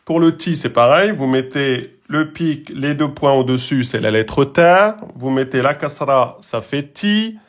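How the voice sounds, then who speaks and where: Slow, patient male Arabic teacher. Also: mid-range voice. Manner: slow, patient, repeats rules and models sounds. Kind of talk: online lesson.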